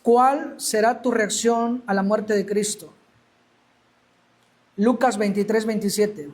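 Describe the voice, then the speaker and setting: A man's voice: high-pitched, steady tone, takes it slowly. A male preacher delivering an emphatic sermon, acting out the Bible scenes he tells. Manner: emphatic, acts out quoted Bible speech.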